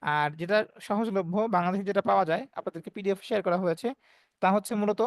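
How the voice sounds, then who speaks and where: Fast-talking male teacher. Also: high voice, no echo. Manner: explains step by step and voices the letter sounds as examples. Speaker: Quran recitation teacher. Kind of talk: online class lecture.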